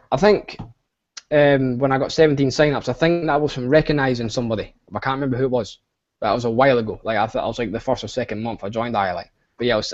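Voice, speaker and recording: A man's voice: mid-range voice, a little mellow. Hyped Scottish man on a muffled call. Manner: hyped, rambling, heavy with fillers. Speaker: webinar host. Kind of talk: casual online webinar pitch. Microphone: video call.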